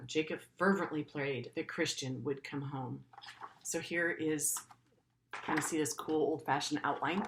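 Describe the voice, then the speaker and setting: A middle-aged woman teacher with a low voice reads a story aloud to her pupils earnestly, adding simple, informal explanations along the way. A slight hiss or hum can be heard.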